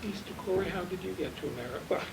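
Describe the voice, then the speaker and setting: A woman's voice: on the low side, expressive, very fast, crowd noise. A woman interviewer asking short questions and giving encouraging backchannels. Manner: brief prompts and encouraging backchannels. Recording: distant mic with clear noise.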